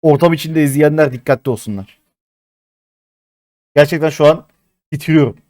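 Excitable man streaming a mobile game. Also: on the high side, moderate pace, dry recording, clean studio sound. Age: 30s. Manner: excitable, chatty with viewers, swears often. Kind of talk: live-stream game commentary.

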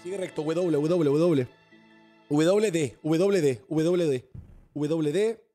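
Soft music plays behind a Spanish-accented (Spain) streamer who calmly walks a teammate through the game with repeated, step-by-step instructions. He speaks slowly in a slightly high, mellow voice, keeping the coaching casual.

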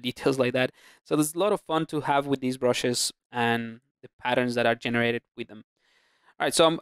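A man narrating a screen-recorded 3D sculpting tutorial, talking through his brushes in a relaxed way with plenty of fillers and restarts. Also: mid-range voice, clean tone, no echo, studio quality. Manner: relaxed, thinking aloud with many fillers and restarts. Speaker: ZBrush instructor. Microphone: close mic, voice-over on screen capture.

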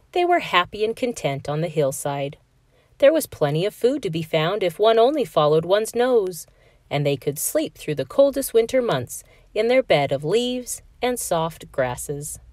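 Expressive woman reading a children's book. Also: fairly low pitch, dry recording. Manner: expressive, sing-song storytelling. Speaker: storyteller. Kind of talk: children's read-aloud.

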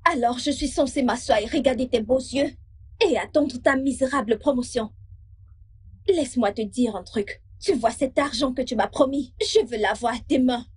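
Woman playing a haughty young senator's daughter, high pitched, scornful, French film dub. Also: moderate pace, a little mellow, a little hiss or hum, close to an everyday voice. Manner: scornful, cutting.

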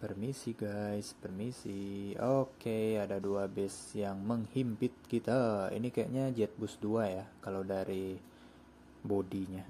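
A man's voice: on the low side, fairly even intonation, slow pace, mellow, slight background noise. A young man chatting casually in slang while he plays a bus driving game, hosting his own gaming channel.

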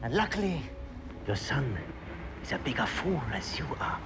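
A man's voice: medium pitch, very animated, normal speed, lightly acted. An actor playing a smug, gloating middle-aged rival businessman in a film, theatrical and mock-polite. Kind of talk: film acting. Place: city canal street at night. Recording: noisy outdoor street ambience.

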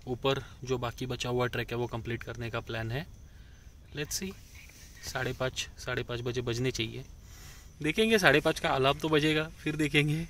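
A man's voice: medium pitch, slight background noise, rough recording. A man in his thirties talking casually as a travel vlogger, holding the camera at arm's length outdoors on a hilltop. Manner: chatty, excited while describing views. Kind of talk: casual vlog talk mixing Hindi and English. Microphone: camera held at arm's length.

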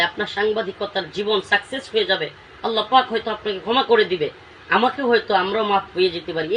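A man's voice: sits high, fairly bright tone. A man, speaking as a cleric in an interview, emotional and pleading, with emphatic outbursts. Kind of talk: impassioned interview talk. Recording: distant mic with faint background noise.

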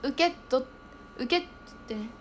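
A young woman chatting casually on a livestream, reading viewer comments aloud and thinking out loud as she reacts. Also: high voice, expressive, a little fast, a little hiss or hum.

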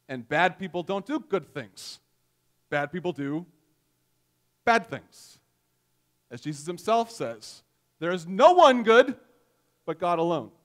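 His voice sitting high, a male pastor in his forties gives a sermon from a church stage through a headset mic. He tells stories in a conversational, self-deprecating manner.

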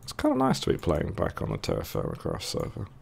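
A man's voice: extremely low pitch, wildly swooping pitch, fast, vocal fry, a little mellow, husky. A man with a thick, sore-throated voice giving casual, hesitant let's play commentary, musing to himself as he goes. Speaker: gaming video host.

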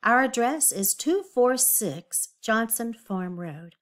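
A female read-aloud teacher shares a picture book with young kids, her fairly high voice animated and slow. Expressive throughout, she leans on key words, makes confiding asides, and asks questions.

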